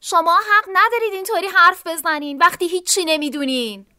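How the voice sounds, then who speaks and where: A woman's voice: extremely high pitch, sharp tone, no room sound, clean studio sound, pitched above the performer's own voice, heavily acted. A woman voicing a tearful, upset young woman who speaks in a choked, pleading way. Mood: shouting. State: crying.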